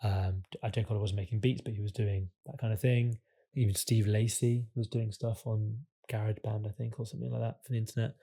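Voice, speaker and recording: A man's voice: fairly low pitch, little pitch movement, quick pace, gravelly, hardly any pauses, warm tone, slightly rough. A man in his twenties, a band's guitarist, giving candid, chatty and self-deprecating advice in a casual interview. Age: 20s. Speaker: band guitarist.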